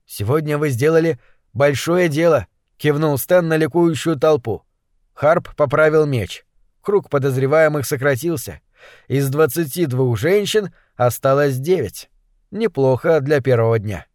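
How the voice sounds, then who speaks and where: A male narrator reads a novel aloud in a steady, measured way. His voice is slightly higher than typical for a man, recorded dry and close with no room sound. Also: no echo. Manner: even, measured storytelling. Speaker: audiobook narrator. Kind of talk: scripted narration.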